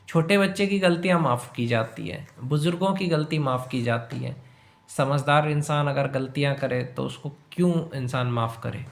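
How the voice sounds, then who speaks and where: Man lecturing on relationships, slightly high voice. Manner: lecturing, with repeated rhetorical questions; addresses listeners directly as you. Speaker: relationship advice speaker. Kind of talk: direct-to-camera advice monologue.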